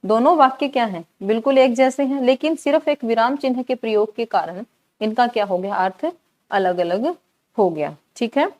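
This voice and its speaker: A woman teaching a grammar lesson for exam preparation, asking the class questions and answering them herself while repeating key words slowly. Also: a little high, a little mellow.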